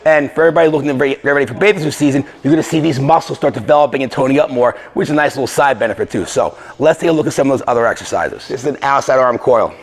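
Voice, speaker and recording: A man talking through a casual exercise tutorial as a fitness coach, energetic and conversational, a bit out of breath. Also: mid-range voice, racing, few pauses. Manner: energetic, conversational, with filler restarts.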